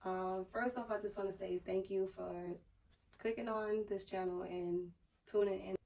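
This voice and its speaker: Female vlogger, hoarse and strained as if recovering a lost voice, mid pitch, casual explainer delivery, slightly off-mic. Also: fairly even intonation, normal speed, dark tone, recorded from a distance, slight background noise, low-quality recording. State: hoarse, strained voice just back after losing it, sore throat. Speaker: YouTube vlogger. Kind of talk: casual personal finance vlog.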